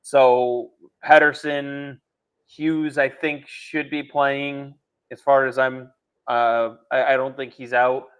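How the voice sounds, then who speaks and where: A man's voice: mid-range voice, flat delivery, takes it slowly, clear, resonant tone. A man co-hosting a hockey podcast in casual chat, often laughing, with hesitant fillers. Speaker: podcast co-host.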